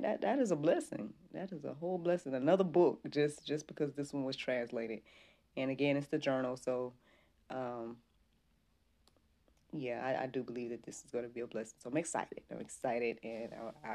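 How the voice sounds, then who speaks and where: Her voice rumbles low and is a little mellow as she hosts a relaxed faith-based livestream. A podcast host, she talks informally and devoutly, frequently adding praise and interjections.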